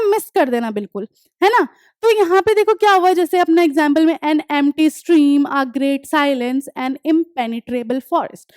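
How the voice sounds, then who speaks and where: A young woman teaching an English lesson online, explaining step by step, often checking that students follow, and reading examples slowly. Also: very high voice, no echo, studio quality. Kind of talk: online class lecture.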